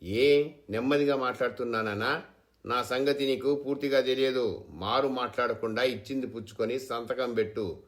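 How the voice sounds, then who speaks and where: Man doing a domineering landlord, harsh, commanding, pitched up. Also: expressive, moderate pace, pauses often, natural voice. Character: rich domineering landlord, middle-aged man.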